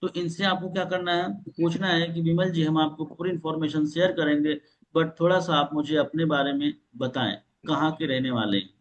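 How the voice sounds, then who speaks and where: Leading a live online sales training over a video call, this man explains how to phone old leads, role-playing both sides of the conversation with repeated questions. His voice is a little high and steady at a moderate pace, and the sound is lo-fi.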